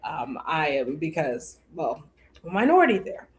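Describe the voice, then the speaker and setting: A woman hosts a podcast and tells a personal story in a loose, meandering way. Her voice sits a little low, and she keeps acting out both sides of old conversations with plenty of fillers. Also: big pitch swings, moderate pace. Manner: rambling with fillers and quoted dialogue. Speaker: podcast host.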